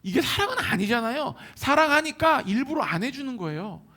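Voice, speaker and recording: A male pastor preaching a sermon in a lively, colloquial way, often acting out the people he quotes. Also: very high-pitched, brisk, slight background noise. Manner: animated, colloquial preaching that acts out quoted voices. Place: church hall.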